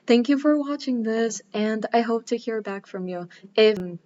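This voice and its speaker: A woman's voice: on the high side, moderate pace, dark tone, lo-fi sound. A woman in her twenties, raised in Bulgaria, introducing herself as a math tutor in an earnest, casual way with frequent "um"s. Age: 20s. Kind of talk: casual self-introduction to camera.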